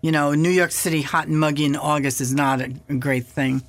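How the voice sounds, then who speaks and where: A woman's voice: sits low, fairly even intonation, brisk, no room sound. An older woman, a guest in an interview, telling a story with animation and acting out past dialogue.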